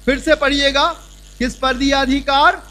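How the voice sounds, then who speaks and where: A man pastor teaching the Bible loudly in a church hall, calling out questions for the congregation to answer. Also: very high voice, fairly even intonation, unhurried. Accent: Hindi. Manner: loud call-and-response preaching. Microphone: handheld mic.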